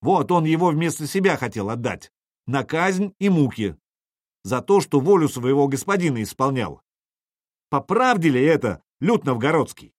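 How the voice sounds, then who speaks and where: A man doing a rousing young leader, booming. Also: very animated, moderate pace, dry recording, clean studio sound. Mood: declaiming. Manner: loud, declaiming. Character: bold young male leader rousing a crowd.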